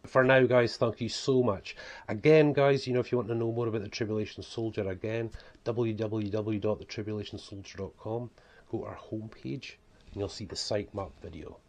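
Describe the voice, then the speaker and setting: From a small indoor room at home, a Scottish man in his forties who vlogs and writes books talks to camera in unscripted, rambling fashion, often using "you know." His broad-accented voice is fairly low and fairly quick, with fairly even intonation.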